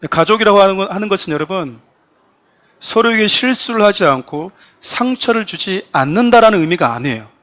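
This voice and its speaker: Higher-voiced male pastor preaching. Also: lively intonation, fairly quick, a bit bright. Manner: addresses the congregation directly, acts out quoted voices with rising emphasis. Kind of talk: sermon. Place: church sanctuary.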